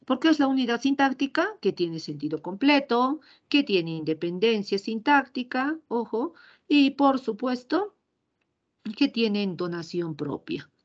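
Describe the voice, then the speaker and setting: A woman's voice: on the high side, very animated, unhurried, highs cut off. A woman teacher giving a grammar lesson, explaining patiently and often checking in with short tag questions.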